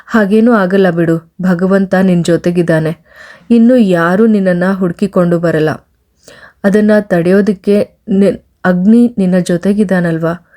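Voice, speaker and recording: A man's voice: sits high, fairly even intonation, measured pace, mellow. A woman voicing a bitter young man who teases and taunts his former love on a phone call, in a sarcastic way. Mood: teasing. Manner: teasing, sarcastic.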